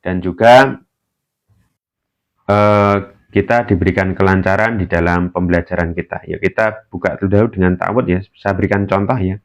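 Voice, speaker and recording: A man teaching Quran reading in an online lesson, patient, adding a filler "ya" after nearly every phrase. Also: steady tone. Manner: slow, patient, many filler "ya"s, chants examples in a higher voice. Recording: dull lo-fi recording.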